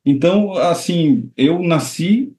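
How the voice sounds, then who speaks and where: A man's voice: on the high side, lively intonation, slow pace, dark tone, reverberant. A man, a guest composer chatting casually over a video call, rambling with many fillers. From Bahia, Brazil. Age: 30s.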